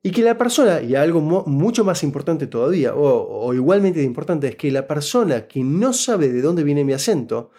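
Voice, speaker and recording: With a fairly high pitch, a moderate pace and few pauses, this Buenos Aires man with an Argentine Spanish accent speaks as an interview guest. His casual storytelling is animated and explanatory, giving job-interview advice while checking in with the listener.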